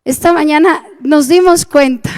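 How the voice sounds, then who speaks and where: Speaking slowly in a high, slightly mellow voice, the Colombian preacher recounts a testimony with earnest storytelling. She acts out the dialogue as she goes.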